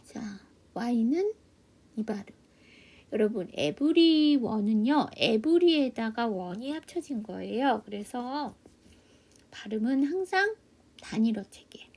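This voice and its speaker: Husky, gravelly woman teaching phonics. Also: a little high. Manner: patient step-by-step drilling, asks and answers own questions; drops into soft half-whispers on explanations. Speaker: English teacher. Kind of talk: online phonics lesson. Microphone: computer mic for a video class.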